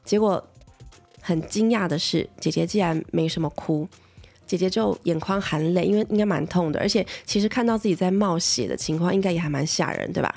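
A Taiwanese-accented mother in her thirties talks casually and animatedly, often turning to her listeners for agreement. Her voice sits low and carries a gravelly fry. Soft music plays faintly behind her. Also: a little fast. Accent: Taiwanese Mandarin. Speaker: pediatrician. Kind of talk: casual storytelling to viewers.

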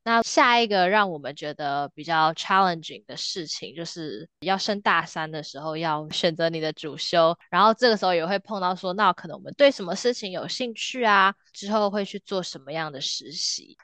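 A young woman with a lowish voice co-hosting a casual podcast, recorded dry and close. She talks in a reflective, storytelling way. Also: expressive, normal speed, hardly any pauses, a bit bright, smooth, dry recording. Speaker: podcast co-host.

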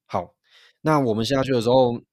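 A man, co-hosting a podcast and telling a story in an animated way, with frequent restarts. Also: medium pitch, moderate pace, no room sound, studio quality. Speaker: podcast co-host. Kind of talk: casual chat.

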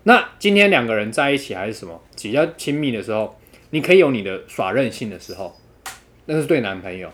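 A man telling a dating story in casual chat, quoting others with animated, laughing delivery. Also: lowish voice, fast talker.

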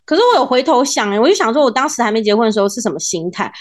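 She is a woman with a Taiwanese accent and a fairly high voice. Her pitch moves in big, animated swings as she chats casually like a podcast host, teasing and expressive. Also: racing. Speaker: podcast host, former radio presenter.

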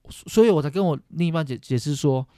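A Taiwanese-accented man in his thirties speaks frankly and casually, full of slang and repetition. The voice is warm and relaxed yet moves fast, recorded dry and close. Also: a little high, no echo. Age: 30s. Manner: blunt, slangy, repeats himself.

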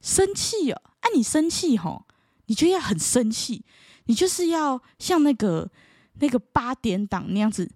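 A woman doing a high, prying older relative. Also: very animated, normal speed, a little mellow, dry recording, studio quality. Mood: pushy. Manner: exaggerated, prying, bossy. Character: nosy pushy older relative.

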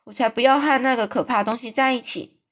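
A woman voicing a small, brave, polite young girl in a storybook read-aloud, speaking in a bright, eager, childlike tone. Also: on the high side, quick pace, voice pushed up, close to an everyday voice.

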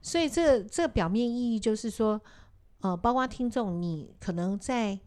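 A woman's voice: a little high, animated, normal speed, darkish tone. A woman hosting a casual talk show, telling a counseling story and acting out what people said, with many fillers. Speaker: podcast host and counselor.

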